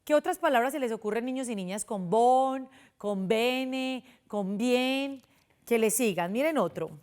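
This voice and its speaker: A woman's voice: fairly high pitch, a little slow, a little mellow, smooth. A young adult woman with a Colombian accent teaching a spelling lesson to children on a television program, patient and explanatory, often asking them questions. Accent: Colombian Spanish. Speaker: primary school teacher.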